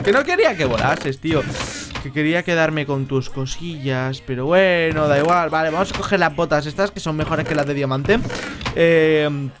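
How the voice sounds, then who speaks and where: A man with a Spain Spanish accent giving casual, joking commentary over his gameplay, talking at home into a headset mic and now and then bursting into shouts. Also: a little high, noisy background. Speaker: Minecraft gameplay YouTuber.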